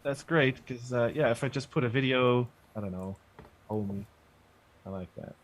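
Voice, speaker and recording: A man guesting on a webcast over a video call, explaining and demoing software in a relaxed, hesitant way with many fillers. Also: medium pitch, normal speed. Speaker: guest software developer and producer. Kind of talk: casual explanation and demo. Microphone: video call, sits back from mic.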